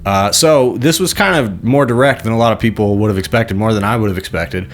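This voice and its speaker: A male podcast host talks through a story in a relaxed, conversational way, leaning on little fillers as he goes. His voice sits somewhat low. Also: brisk. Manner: conversational, loose with fillers like "kind of". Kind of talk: casual commentary.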